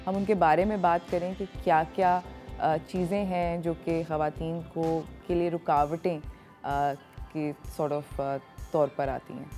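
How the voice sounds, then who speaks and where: A woman's voice: low voice, fairly even intonation, takes it slowly, mellow, faint music behind. A woman morning show host with a Pakistani accent, putting questions to her guest and switching between Urdu and English. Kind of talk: TV interview hosting. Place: TV studio.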